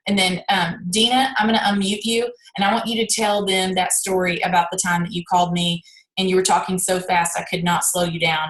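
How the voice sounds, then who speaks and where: A woman's voice: lowish voice, a bit bright, reverberant, rough recording. A woman leading her sales team on a video call, chatting casually and acting out little conversations with lots of fillers. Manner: chatty, acts out dialogue, many fillers. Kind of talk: casual coaching talk.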